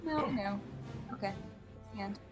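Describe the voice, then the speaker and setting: A woman's voice: mid-range voice, unhurried, over music. A woman playing a tabletop game, unsure of her spells, apologetic and giggly. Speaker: player. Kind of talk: casual tabletop play.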